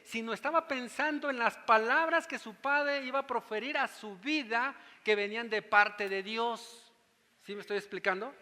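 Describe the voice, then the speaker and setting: A man's voice: very high-pitched, pushed and bright, big-room sound. A man with a Mexican Spanish accent preaching a sermon as pastor, teaching and often asking whether his listeners follow him.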